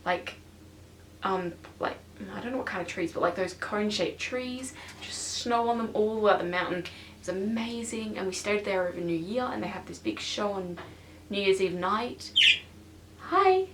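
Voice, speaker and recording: A woman's voice: medium pitch, moderate pace, slight background noise. Chatty teenage girl in a roomy bedroom. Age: teens. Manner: chatty and excitable, lots of fillers. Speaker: vlogger. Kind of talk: casual chat to camera. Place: her bedroom. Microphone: stationary camera. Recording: roomy and distant from the camera.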